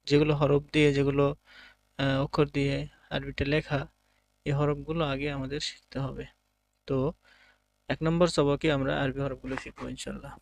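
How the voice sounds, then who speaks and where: A male Quran teacher leads an online alphabet lesson and calls out each letter loudly so it can be repeated. His voice is gravelly and holds an even, level pitch. The recording is dry and close. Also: dry recording.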